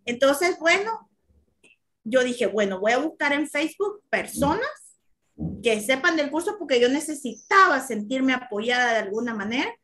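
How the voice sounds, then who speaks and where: A woman's voice: sits high, very animated, normal speed, fairly bright tone. A woman with a Central American Spanish accent, a course teacher sharing her personal story earnestly in an interview, laughing readily.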